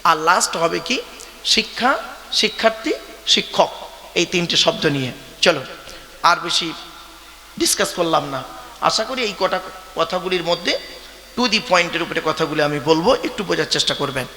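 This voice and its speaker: A man's voice: a little high, lively intonation, moderate pace, long pauses, sharp tone, slight background noise. A man preaching a sermon at a religious gathering, talking conversationally and quizzing the crowd directly. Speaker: Islamic preacher. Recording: long reverb of a large venue.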